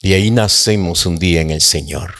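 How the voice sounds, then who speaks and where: A man preaching a sermon to his congregation, slow and dramatic, rising to impassioned outbursts. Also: sits low, fairly bright tone. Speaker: apostle, preacher.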